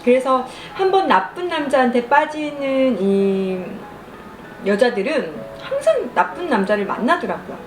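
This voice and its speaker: A young adult woman telling a story casually over food and drink, chewing while talking and speaking in an animated storyteller's manner. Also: high-pitched, a little slow. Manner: animated storytelling, acts out quoted lines. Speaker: mukbang vlogger. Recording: roomy echo, music behind.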